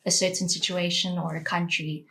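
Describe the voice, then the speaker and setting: A woman's voice: on the low side, flat delivery, normal speed, bright, forceful tone, poor audio. A woman of twenty, a student on a panel, agreeing and searching for her words. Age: 20s. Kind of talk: casual panel discussion.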